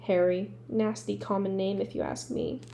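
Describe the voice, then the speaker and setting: Woman doing a stiff, sharp-tongued wife, curt lines, mellow gravelly tone. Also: mid-range voice, huge pitch swings, normal speed, slight background noise, pitched below the performer's own voice. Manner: curt, snappish.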